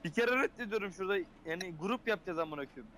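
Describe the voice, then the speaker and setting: Fast-talking brash young man gaming. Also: high-pitched, expressive, a bit bright. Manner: brash, boastful, swears constantly. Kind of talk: casual gaming voice chat.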